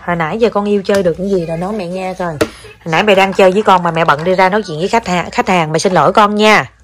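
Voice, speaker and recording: A woman's voice: fairly low pitch, very fast, a little hiss or hum. A young Southern Vietnamese woman chatting at home in a casual family vlog, coaxing her child and talking to viewers, slipping English words in. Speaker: mother vlogging with her child. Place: home, indoors.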